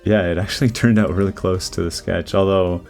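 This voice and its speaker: A man with a very low voice talks through his 3D modeling process in loose, rambling commentary, stopping often to restart his thoughts. Faint music plays quietly behind him. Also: brisk. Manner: relaxed, rambling, with many fillers and restarts. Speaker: 3D artist giving commentary. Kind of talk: casual voice-over commentary on a modeling timelapse. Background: faint background music.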